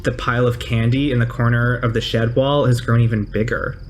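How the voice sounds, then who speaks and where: A woman narrating as game master of a tabletop role-playing game, in an unhurried, musing, playful way. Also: very deep voice, little pitch movement, slight background noise.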